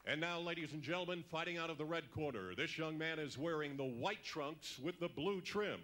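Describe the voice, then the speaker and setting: A man announcing a boxing match from the ring, drawing out the fighters' introductions. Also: fairly bright tone. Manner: booming, drawn-out introductions. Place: arena ringside.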